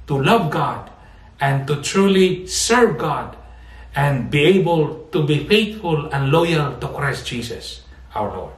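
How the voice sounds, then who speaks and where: A man in his forties, a priest, giving an earnest homily straight to the camera with lively gestures. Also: on the high side. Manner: slow, earnest preaching with lively hand gestures. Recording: echoey, somewhat distant mic.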